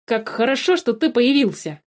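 A woman's voice: a little high, very animated, moderate pace, voice pushed up. A woman voicing a small, sly male forest changeling who chatters cheerfully and wheedles without guilt. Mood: cheerful pleading. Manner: chirpy, wheedling, unbothered.

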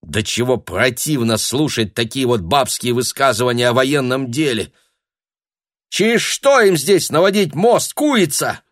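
A man voicing a hot-tempered, tearful young woman who shouts and burrs her r's, in an audiobook. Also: moderate pace, hardly any pauses, no room sound, studio quality, natural voice. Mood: scornful. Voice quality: burred r. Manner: shrill, shouting.

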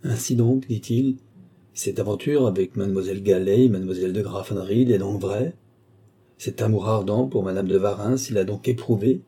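An eager young peasant lad, read by a man, pleads earnestly in a raised voice. The tone stays dark and mellow, with a husky edge. It is the voice of a classic novel read aloud. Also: lowish voice, moderate pace. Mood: ardent.

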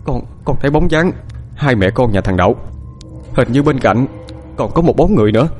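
A man's voice: mid-range voice, expressive, fairly quick, darkish tone, faint music behind, voice pushed up, natural voice. A man voicing a frightened young village boy who stammers through tears in an audiobook. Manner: stammering, tearful. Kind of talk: audiobook character voice.

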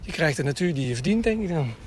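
A man's voice: on the high side, lively intonation, quick pace, darkish tone, husky. A man chatting casually and enthusiastically outdoors for radio, explaining bird calls. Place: outdoors, near water in a town. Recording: outdoor field recording with background noise. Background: gulls calling.

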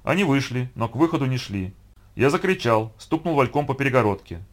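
A man narrating a first-person story in a steady, even storytelling voice. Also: mid-range voice, brisk. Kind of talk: audiobook reading of first-person prose.

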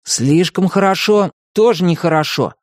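A man's voice: high-pitched, moderate pace, no room sound, studio quality, pitched above the performer's own voice, natural voice. A man voicing a grumpy, skeptical young boy who grumbles and argues, in a storybook reading. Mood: grumbling. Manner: grumbling, argumentative.

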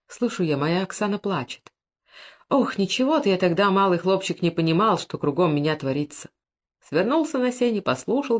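A woman reads classic prose aloud as an expressive storyteller. Her pitch moves widely and freely through the tale. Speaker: audiobook narrator. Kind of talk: classic prose audiobook reading.

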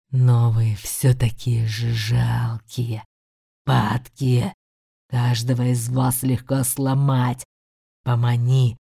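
A woman voicing a huge, mocking male demon of greed, speaking in a low menacing growl that sometimes drops to a hissed whisper. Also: vocal fry, warm tone, husky, full character voice.

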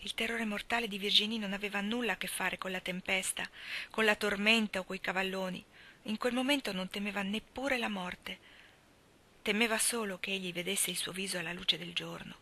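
Female literary reader: measured, expressive narration with soft whispered passages, bright voice. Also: medium pitch. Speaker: reader of stories. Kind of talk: literary reading.

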